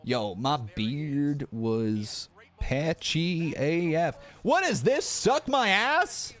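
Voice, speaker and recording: A man's voice: on the high side, drawn-out words. A man from Canada in his thirties, a pro wrestling streamer chatting casually to his live chat, joking at himself and swearing now and then. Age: 30s. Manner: animated, talks straight to chat, swears, jokes at himself. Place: room in his rented home.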